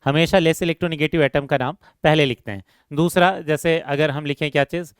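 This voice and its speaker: A man's voice: on the high side, steady tone, brisk, clear, resonant tone, no room sound, studio quality. Man explaining chemistry with question-and-answer lecturing. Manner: asks the class questions and answers them himself; calls students "beta", repeats key terms. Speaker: chemistry teacher. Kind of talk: classroom lecture.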